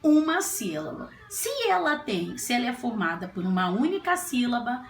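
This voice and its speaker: A woman's voice: on the high side, sing-song, normal speed, soft background music. A woman teacher giving a children's classroom lesson, patient and sing-song, stretching out syllables as she sounds out words. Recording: echoey room, faint ambience.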